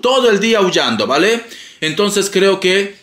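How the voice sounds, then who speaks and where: A man's voice: high voice, sing-song, moderate pace, a bit bright. Theatrical, teasing tarot-reading man. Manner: playful, theatrical, teasing, calls listener darling. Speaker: tarot reader. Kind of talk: casual tarot reading monologue. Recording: echoey room.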